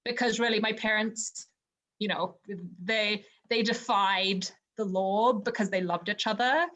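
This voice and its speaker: In a casual podcast interview held over a remote call from her home, a woman from Zimbabwe speaks at a measured pace. Her medium-pitched voice is steady and a bit bright. Her manner is earnest and reflective, with plenty of fillers like "you know."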